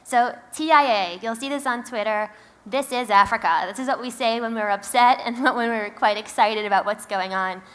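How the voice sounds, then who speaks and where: High-pitched woman with a Queens accent. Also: moderate pace, a bit bright. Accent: Queens, New York. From Queens, New York. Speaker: company founder, keynote speaker. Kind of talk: conference keynote presentation.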